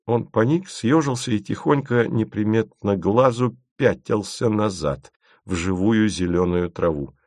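A man narrating an audiobook in an expressive storytelling way, close to the mic. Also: fairly low pitch, unhurried, no echo. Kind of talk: scripted narration.

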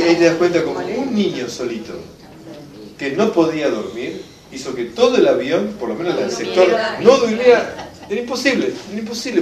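A man with a Rioplatense accent lecturing a class, emphatic and lively, often checking that his audience understands. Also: a little high. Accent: Rioplatense Spanish. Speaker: enneagram teacher. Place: classroom or hall with a live audience. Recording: echoey room, mic from a distance.

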